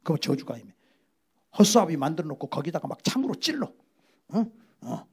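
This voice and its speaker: A middle-aged Korean male pastor preaching a sermon, emphatic, swinging from loud exclamations to hushed whispers. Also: a little high, very animated, fairly quick, breathy edge.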